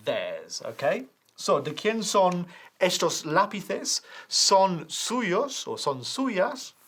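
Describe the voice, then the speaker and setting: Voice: medium pitch, a bit bright. A teacher giving a bilingual English lesson, patiently modeling pronunciation and repeating short drills.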